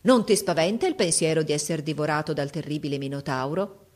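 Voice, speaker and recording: A woman's voice: sits low, a little fast, a little mellow, natural voice. Lady doing a mean stern king, cold voice, storybook. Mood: severe. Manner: severe, cold. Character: stern, merciless old male king.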